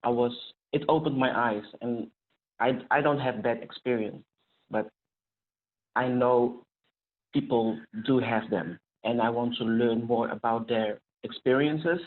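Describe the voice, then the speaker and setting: A man's voice: mid-range voice, steady tone, a little slow. A man, speaking hesitantly with frequent restarts on a video call. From Netherlands. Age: 40s. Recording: tinny phone-like call audio.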